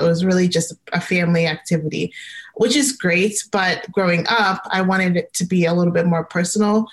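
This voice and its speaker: Thoughtful lower-voiced young woman guest. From Maryland, United States. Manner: reflective, thoughtful storytelling. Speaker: podcast guest. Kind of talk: casual interview.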